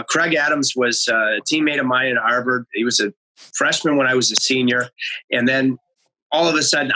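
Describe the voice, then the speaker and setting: A man's voice: medium pitch, pushed and bright, poor audio. A man in his forties hosting a podcast, asking long rambling questions with frequent restarts. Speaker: podcast host, former color analyst. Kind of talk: conversational interview questions.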